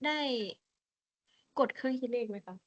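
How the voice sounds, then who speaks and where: A woman's voice: moderate pace, dull audio. A young woman answering her lecturer in class, hesitant and unsure. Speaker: student.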